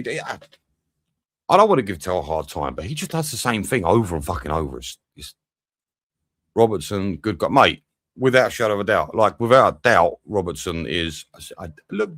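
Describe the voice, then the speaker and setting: A man's voice: low-pitched, a bit bright, no echo, clean studio sound. A young man doing a live match watch-along, swearing freely and bantering with his chat between bits of play commentary.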